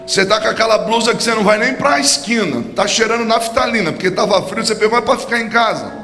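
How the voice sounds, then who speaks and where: A Brazilian pastor delivering a fervent sermon, his voice pitched high for a man. It rings through a large church hall with a long echo, and music plays clearly beneath him. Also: quick pace. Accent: Brazilian Portuguese. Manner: fervent preaching, building to shouts. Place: church service.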